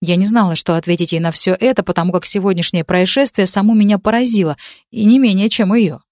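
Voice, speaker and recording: A woman narrating a first-person audiobook in an even, measured reading voice. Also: medium pitch, no echo, studio quality.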